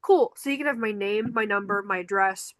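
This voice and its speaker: This brisk, mid-range voice belongs to a young Chicago woman, a concert photographer and podcast co-host with a Chicago accent. In casual conversation she tells animated stories and acts out the quotes, and the studio-quality audio has no room sound.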